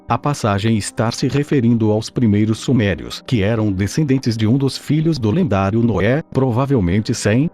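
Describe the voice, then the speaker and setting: Robotic male voice, Brazilian accent, somewhat low pitch, scripted explanatory narration, synthetic delivery. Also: a little mellow.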